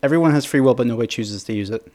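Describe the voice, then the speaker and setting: A man's voice: medium pitch, rapid-fire, darkish tone. A man co-hosts a casual podcast discussion, tossing in dry, playfully contrarian remarks. His voice sits in the middle range. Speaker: podcast co-host.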